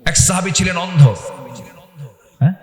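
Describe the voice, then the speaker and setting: Male preacher, higher-pitched and very expressive, call-and-response delivery, recorded over an echoey PA. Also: normal speed. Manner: call-and-response with the audience, dramatic rising exclamations; humorous storytelling. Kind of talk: Islamic sermon at an evening gathering. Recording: echoey PA sound with long reverb.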